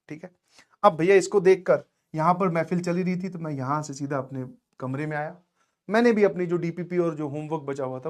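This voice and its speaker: A man with a fairly high voice talks to his students like a coaching teacher. He tells a story with lots of animation and keeps checking that they follow along. It sounds like an ordinary motivational class talk. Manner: animated storytelling, addresses students directly with frequent "samajh mein aaya?".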